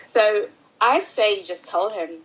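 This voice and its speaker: A woman's voice: mid-range voice, measured pace, fairly bright tone, breathy edge, low-quality recording. A woman on a speakerphone call, chatting casually and giving rambling advice that keeps losing its thread. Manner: rambling, giggly, loses her thread. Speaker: friend on speakerphone. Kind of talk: casual phone chat.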